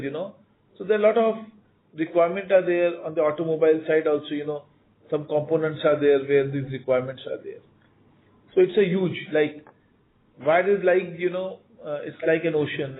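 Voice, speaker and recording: Through narrow, tinny phone-line audio, an executive with an Indian accent responds to analysts on an earnings conference call. His voice is fairly high, and he is emphatic, repeating words and leaning often on "you know".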